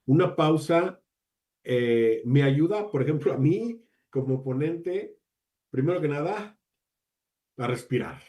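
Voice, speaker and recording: A man presenting an online training talk for teachers, measured and addressing the audience directly with questions. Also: on the high side, lively intonation, dark tone. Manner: measured, uses deliberate pauses, asks the audience questions.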